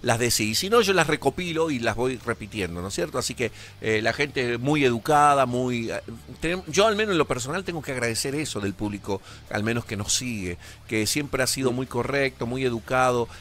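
Co-hosting a live radio show, this man chats and rambles, at one point giving out the call-in number. His mid-range voice is expressive, a bit bright, and fairly quick, picked up by a headset and a studio mic.

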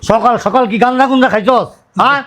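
Gruff scolding man with a high voice. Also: brisk, a bit bright, a little hiss or hum. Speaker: father in a family drama. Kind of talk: rural Bangladeshi village drama acting.

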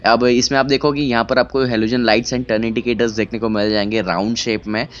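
Young male car vlogger, 20s, casual walkaround delivery mixing in English, clear voice on a slightly muffled camera mic. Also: mid-range voice, little pitch movement. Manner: casual, Hindi mixed with English, many "uh" pauses. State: tired but excited. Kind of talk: walkaround review vlog. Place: large indoor expo hall, walking through a bus.

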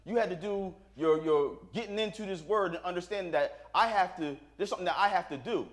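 A man preaches in a roomy, echoing church sanctuary, his voice sitting a little high for a man. He talks plainly with loose, everyday grammar and keeps pulling the congregation in with "right?" between his points. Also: a little fast. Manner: call-and-response, asks the congregation "right?"; plain-spoken, informal grammar. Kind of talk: sermon. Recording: echoey church room.

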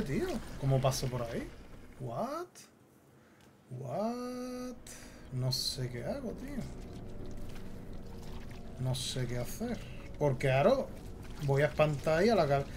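A man with a Spain Spanish accent giving jumpy, excitable let's play commentary while he plays. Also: medium pitch, noisy background. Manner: jumpy, excitable, talks to himself. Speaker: gaming host.

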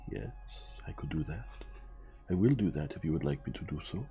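A man's voice: rumbling low, animated, highs cut off, faint music behind. Poirot, a man doing a shrewd Belgian sleuth. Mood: probing. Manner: measured, courteous, relentlessly probing. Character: shrewd elderly male Belgian detective, polite but probing.

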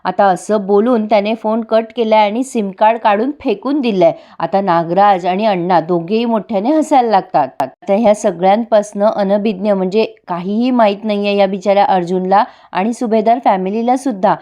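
A woman's voice: mid-range voice, normal speed, few pauses, mellow, dull audio. A woman recapping a television serial episode in chatty storytelling narration. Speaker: TV serial reviewer.

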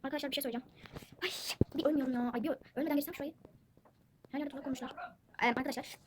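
A woman's voice: sits high, fairly even intonation, very fast. A woman chatting casually to viewers while playing a game and commenting on it. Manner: chatty, addresses viewers constantly. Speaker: gaming channel host. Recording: noisy background with siblings chattering. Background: siblings talking in the background.

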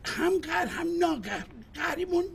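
A man's voice: extremely high pitch, animated, gravelly, a bit bright, slight background noise, full character voice. An actor playing an older man, a hotel guest who complains emphatically about his stubborn wife. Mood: exasperated.

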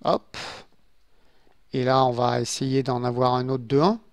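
A man talks through a building session at his home computer, relaxed and slow, often addressing his viewers in asides. His medium voice is recorded dry and close at the desk. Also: mid-range voice, creaky, clean tone, no echo. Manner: chatty, muttering asides to viewers. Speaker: gaming YouTuber. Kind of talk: casual let's-play commentary. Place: home room with a glass desk.

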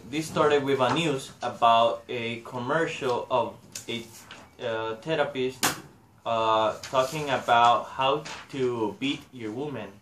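A man's voice: medium pitch, noisy background. A young man gives a class presentation in English, hesitant and full of filler sounds, recorded on a laptop mic in a small room. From Honduras. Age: young adult. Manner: hesitant, many filler uhs. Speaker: student presenter. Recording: echoey room.

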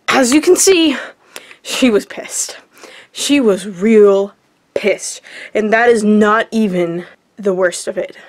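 A young woman hosting a comedic vlog, with a mock-scientific, deadpan delivery and casual swearing. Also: medium pitch, a little slow, faint music behind. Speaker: YouTuber.

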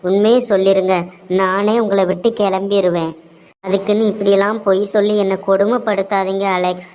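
A gentle, pregnant young cartoon woman with a Tirunelveli Tamil accent, voiced by a woman, polite and anxious. Her tone runs fairly flat. The recording sounds dull and lo-fi. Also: medium pitch, a little fast, close to an everyday voice. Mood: gentle worry. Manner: soft, worried, polite. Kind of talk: cartoon voice acting.

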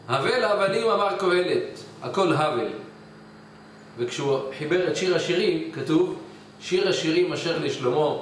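A man, a rabbi, giving a weekly Torah portion sermon in a study hall, telling parables and acting out lively voices. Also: fairly high pitch. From Israel. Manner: storytelling, acts out mountains and scolding spouse in raised voice. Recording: distant mic, echoey hall, faint noise.

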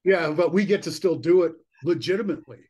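A man's voice: a little high, fast, a little mellow, lo-fi sound. A middle-aged man talking as the guest musician on a video call, rambling and enthusiastic with many "you know"s. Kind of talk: casual interview chat. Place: indoor room at home.

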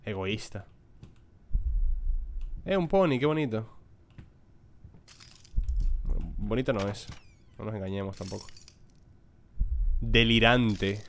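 A man's voice: fairly low pitch, slow pace, vocal fry, long pauses, a bit bright, a little hiss or hum. Chatty man narrating a horror game. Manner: chatty, swears casually, talks to viewers and chat. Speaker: gaming YouTuber. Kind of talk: let's play commentary.

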